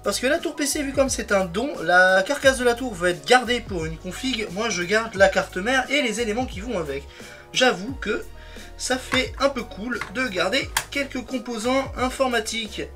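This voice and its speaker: A man's voice: very high voice, expressive, moderate pace, bright, forceful tone, soft background music. A man presenting a casual hands-on tech vlog, talking as he takes apart a computer, rambling and correcting himself often. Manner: rambling, self-correcting, fond of "donc". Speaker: tech video creator.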